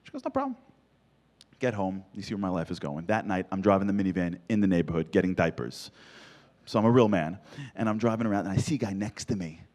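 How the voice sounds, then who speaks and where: A man's voice: low voice, fast talker, a little mellow. A man giving a comic, storytelling motivational speech, punchy and full of rhetorical questions. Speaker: motivational speaker.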